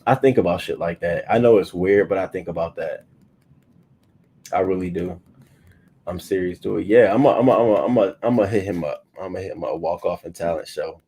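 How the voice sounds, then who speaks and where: Livestream host, man, thirties, low husky voice, loose profane chatter with loud outbursts. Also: a little fast. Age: 30s. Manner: loose, profane and animated, often bursting louder. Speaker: host of a livestream morning show. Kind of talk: casual livestream chat.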